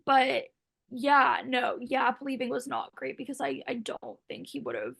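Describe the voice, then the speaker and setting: A woman's voice: high-pitched, fairly even intonation, measured pace, gravelly, a bit bright, breathy edge. A young woman, a former contestant, chatting casually in an interview and rambling with many fillers. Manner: rambling, full of "like" and "um".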